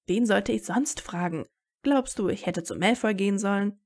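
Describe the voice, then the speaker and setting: A woman's voice: medium pitch, steady tone, normal speed, gravelly, darkish tone. A woman reading as a blunt, sarcastic teen wizard. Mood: blunt, tense. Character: determined teenage wizard hero, blunt and sarcastic.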